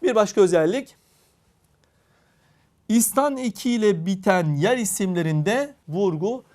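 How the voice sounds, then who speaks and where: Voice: mid-range voice, lively intonation, a little mellow. A teacher giving a recorded grammar lesson, speaking to the class directly and drawing out each example word. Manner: deliberate, drawn-out reading of example words.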